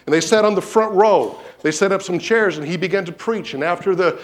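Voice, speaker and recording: This pastor's sermon moves briskly, his high voice bringing stories to life in a church sanctuary. He animates each tale, performing the quotes of the people in them.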